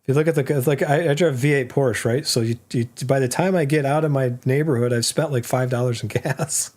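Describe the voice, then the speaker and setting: A man's voice: mid-range voice, brisk, a little mellow. A man co-hosting a casual live stream, joking and laughing often. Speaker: co-host. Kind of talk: casual chat.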